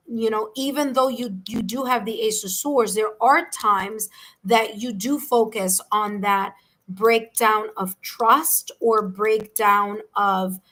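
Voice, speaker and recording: A woman's voice: a little high, a bit bright, low-quality recording. A woman with a New York accent giving a live-streamed tarot reading, rambling along with frequent "okay?" check-ins and restarts. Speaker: tarot reader.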